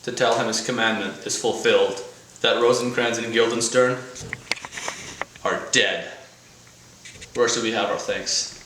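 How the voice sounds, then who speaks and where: An actor playing a sombre, formal ambassador in classical Shakespeare style. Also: male voice, fairly low pitch, fairly even intonation, measured pace, pauses often, natural voice. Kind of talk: classical Shakespeare stage acting. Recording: echoey, distant mic, noisy.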